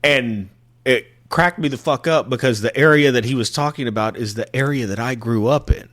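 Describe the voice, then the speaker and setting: A man's voice: mid-range voice, a little fast, a bit bright. A man from Texas with a slight country twang, co-hosting a casual podcast chat, blunt and swearing freely. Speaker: podcast co-host.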